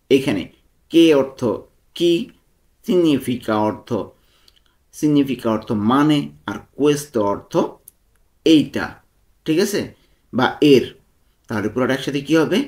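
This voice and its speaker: A man with a Bangladeshi accent teaching a language lesson, repeating example phrases slowly and deliberately. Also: mid-range voice, a little mellow. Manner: slow, deliberate spelling-out of foreign phrases, rising on the examples.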